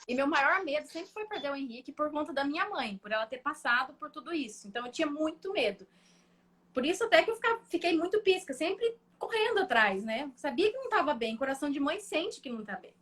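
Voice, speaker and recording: A young woman, a guest in a live chat, telling a painful personal story in a halting, emotional way. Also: high-pitched, sing-song, a bit bright. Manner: emotional, halting, full of fillers and restarts.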